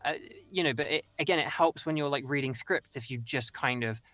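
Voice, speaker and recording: Chatting casually in an interview, a young voice actor from England rambles and cuts himself off mid-thought. His medium-pitched voice is pushed and bright, moving a little fast, and the recording is dry.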